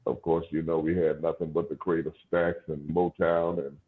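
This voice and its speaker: A man of about forty from New Orleans with a smooth, velvety voice, chatting casually as a musician guest in an interview. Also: extremely low pitch, flat delivery, moderate pace. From New Orleans, USA. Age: around 40. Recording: thin, phone-like call audio.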